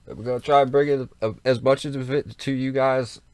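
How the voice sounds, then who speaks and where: A man's voice: mid-range voice, fairly even intonation, moderate pace, darkish tone, no room sound. A man co-hosting a casual livestream, chatting in a rambling, repetitive way with plenty of swearing. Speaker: livestream co-host.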